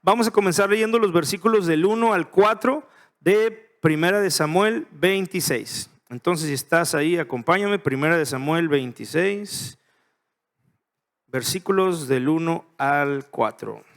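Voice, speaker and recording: A man's voice: a little high, measured pace. A middle-aged man with a Mexican Spanish accent teaching a casual Bible study as pastor, chatty and joking, often asking his listeners questions.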